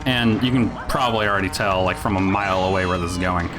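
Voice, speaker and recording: Grumpy, low-voiced man ranting about games. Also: fast talker. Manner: grumpy old man grumbling, self-described crotchety; rambling, sweary, sardonic. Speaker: video game reviewer. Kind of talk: casual, profane gaming rant. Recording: music behind the voice. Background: music.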